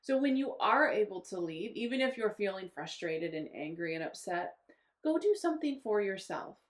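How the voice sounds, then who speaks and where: Brief: woman spiritual channeler, mid-pitched, loose unscripted delivery with repeated phrases. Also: lively intonation, normal speed. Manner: unscripted, repetitive phrasing with restarts. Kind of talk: channeled spiritual teaching talk.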